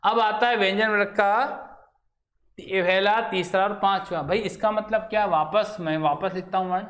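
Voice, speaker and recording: A man's voice: sits high, fairly even intonation, a bit bright. Questioning male Hindi teacher, echoey room. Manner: asks the class questions and answers them himself, drawn-out key words. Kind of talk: classroom lecture.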